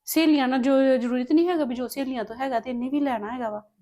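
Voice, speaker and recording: In a family drama scene, a woman plays a strict young mother, firm with her stubborn daughter, scolding her and insisting she get ready. Her natural voice is high-pitched and warm with a steady tone, delivered rapid-fire.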